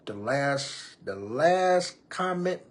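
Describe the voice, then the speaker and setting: A man's voice: mid-range voice, animated, drawn-out words. A man in his thirties hosting a live podcast, talking casually and reading viewers' comments aloud. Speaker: podcast host. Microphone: computer or phone mic on a live stream.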